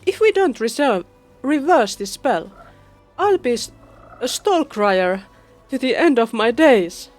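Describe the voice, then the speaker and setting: A woman voicing a pompous, exasperated gnome in a video game who breaks into shrill, theatrical cries. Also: very animated, takes it slowly, a little mellow, faint music behind.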